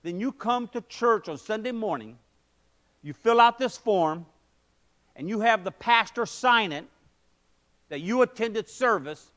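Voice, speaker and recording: A man's voice: high-pitched, animated, measured pace, long pauses, a bit bright. A middle-aged man preaching a sermon in a church sanctuary, emphatic, with rhetorical questions, on a headset mic. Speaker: pastor. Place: church sanctuary, medium-sized, indoors.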